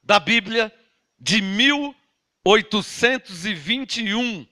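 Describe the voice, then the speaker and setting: A man's voice: sits high, lively intonation, takes it slowly, pushed and bright. A Brazilian man in his fifties, a pastor teaching a sermon from the Bible with emphatic repetition and questions to his listeners. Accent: Brazilian Portuguese. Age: 50s.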